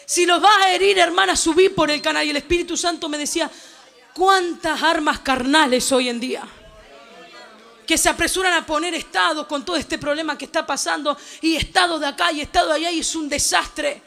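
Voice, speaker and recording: Woman preacher, Argentine accent, fervent shouting sermon, very high voice, gravelly edge. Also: steady tone, quick pace, few pauses. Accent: Argentine Spanish. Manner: shouts, bursts into tongues, retells with emotion. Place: church.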